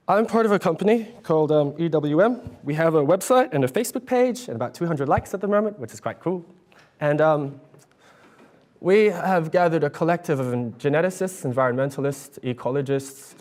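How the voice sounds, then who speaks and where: Earnest young New man pitching. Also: darkish tone. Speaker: student competitor pitching a project. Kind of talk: competition pitch and Q&A. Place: stage at an awards event.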